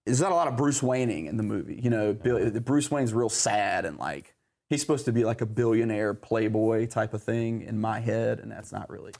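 A man's voice: fairly low pitch, lively intonation, fairly quick, vocal fry, a little mellow. A man, a guest attorney chatting casually and rambling, with many restarts. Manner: rambling and conversational, with lots of fillers and restarts. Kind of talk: casual chat.

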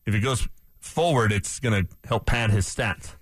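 A man's voice: lowish voice, normal speed, slightly rough, no room sound. A male sports radio co-host in casual talk, making skeptical points one after another with emphasis. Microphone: studio microphone. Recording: dry close studio sound.

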